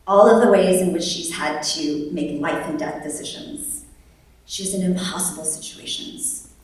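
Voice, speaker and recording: A young adult woman, born in Vietnam and raised in the United States, telling a personal story on stage with wry humor and animated quoted voices. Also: fairly low pitch, normal speed. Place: large echoey venue at a live event. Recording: echoey hall, distant mic.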